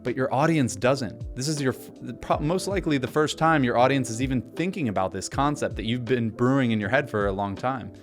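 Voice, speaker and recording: A man giving an energetic instructional talk to camera, coaching people on speaking, deliberately shifting his speed and pitch for emphasis. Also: soft background music. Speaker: presenter teaching on-camera speaking.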